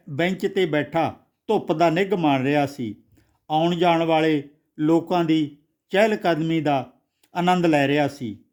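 A man narrating a devotional audiobook story in a measured way, reciting scripture verses slowly. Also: a little high, darkish tone.

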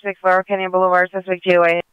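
Crisp, clipped male police dispatcher on radio. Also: high voice, monotone, very fast, dry recording, highs cut off. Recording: police scanner radio transmission.

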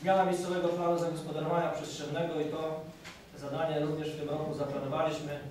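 A middle-aged man speaks formally to a council, pausing often and filling the gaps with hesitation sounds. His voice sits a little high for a man. It comes from a distance in a very echoey hall, with steady background noise. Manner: halting, with many filler sounds. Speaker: municipal official presenting the budget.

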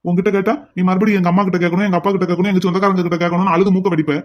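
A man voicing a headstrong, protective young man in a cartoon drama, speaking forcefully and insistently. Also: high-pitched, level tone, racing, muffled recording, lightly acted.

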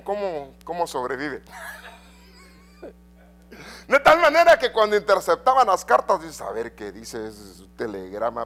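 A middle-aged man preaching a sermon in a church, swinging between loud and soft and asking the congregation questions. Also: medium pitch, gravelly. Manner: addresses congregation with rhetorical questions. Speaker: pastor.

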